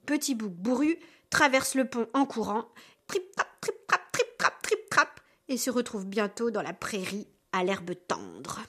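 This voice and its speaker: A woman's voice: medium pitch, big pitch swings, a little slow, few pauses, slightly rough. A woman reading a fairy tale aloud expressively, with playful sound effects. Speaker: storyteller.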